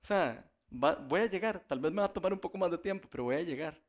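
A man delivers a sermon in a loose, conversational storytelling manner, often breaking into laughter. His voice sits fairly high for a man. He comes across as a preacher chatting with his congregation more than orating. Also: expressive, fast talker.

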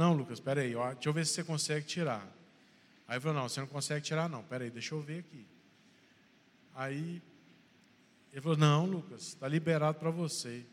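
A man's voice: a little high, slight background noise. Brazilian man giving testimony in echoey hall. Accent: Brazilian Portuguese. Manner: storytelling, acts out phone dialogue, preacherly exhortation. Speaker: church testimony speaker. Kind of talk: testimony in church.

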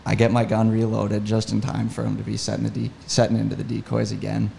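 Gravelly, dark-toned man, keen podcast storyteller. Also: on the low side, fast talker, slight background noise. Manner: enthusiastic, animated retelling. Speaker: podcast guest, hunting guide. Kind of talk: casual storytelling.

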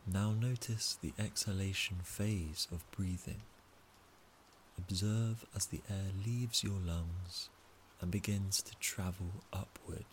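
A man calmly leading a guided breathing meditation, speaking softly and counting out each breath. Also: low voice, takes it slowly, slight background noise. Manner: calm, soft, counting out breaths. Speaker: relaxation guide.

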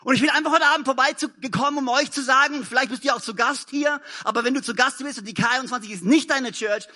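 A man with a high voice and a bright tone preaches an evening sermon to a church congregation. He talks emphatically, repeating short phrases, and he swings from loud calls to quiet, intimate passages. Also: fast. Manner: admits to stumbling over sentences and grammar. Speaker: pastor. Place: church service.

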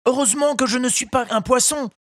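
A man's voice: fairly quick, no room sound, studio quality. A man voicing a small wooden puppet boy who sounds anxious and indignant. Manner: high, pleading, indignant.

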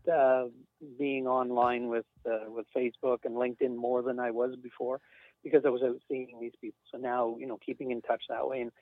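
A man's voice: medium pitch, little pitch movement, brisk, no room sound. A man talking casually as a guest, rambling with fillers and light chuckles. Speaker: industry sales rep, guest. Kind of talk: casual conversation. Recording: dry, tinny phone-line sound.

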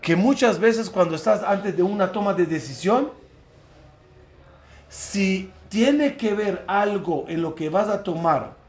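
A man teaching a Torah class as a rabbi, with a high voice and an unhurried, deliberate pace. He keeps turning to his listeners with questions and acts out the voices of the people in his stories. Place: room with a live class.

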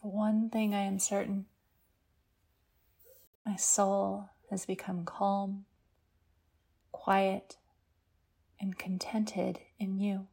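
Woman, guided meditation, sleep story narration, soft breathy near-whisper, mellow tone, creaky edges, gentle and unhurried. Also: mid-range voice, completely flat delivery. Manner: hushed, gentle, unhurried delivery with long pauses.

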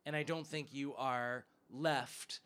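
A man's voice: medium pitch, steady tone, slow pace, fairly bright tone, clear, resonant tone. A man co-hosting a podcast about an album, talking it through thoughtfully and often restarting his sentences. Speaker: podcast co-host. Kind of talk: casual music discussion.

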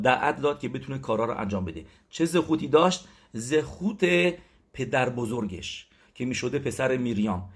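A man's voice: medium pitch, breathy edge. Storytelling man giving a Torah talk. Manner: storytelling, with loud emphatic bursts; self-correcting, searching for words. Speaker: religious teacher. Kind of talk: weekly Torah talk with retold stories.

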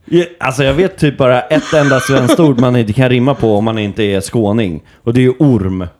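A man's voice: medium pitch, darkish tone, slight background noise. A man chatting casually with friends, making playful joking remarks. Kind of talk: casual chat.

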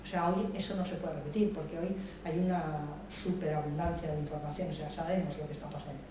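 Her deep voice holds a steady tone and moves quickly as this older woman from Madrid talks politics off the cuff during a public debate session in a large hall. She is thoughtful yet unsure, restarting often and repeating words. The room echoes, she sounds distant, and there is a faint background noise.

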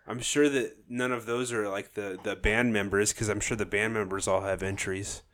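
A man's voice: on the low side, steady tone, normal speed, fairly bright tone. A man chatting casually as a co-host, offering offhand, speculative commentary. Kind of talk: casual chat.

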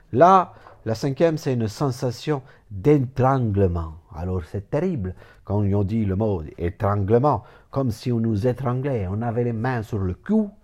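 A man's voice: on the low side, a little mellow. A man giving a comic mock lecture, rambling, repeating words and stumbling playfully over them.

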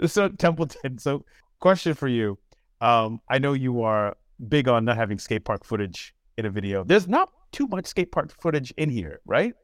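An animated man in his forties trades slangy banter on a podcast and laughs easily. His voice sits mid-pitch and sounds dry and close on the mic. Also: normal speed, dry recording. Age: 40s. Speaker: podcast co-host. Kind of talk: casual podcast chat.

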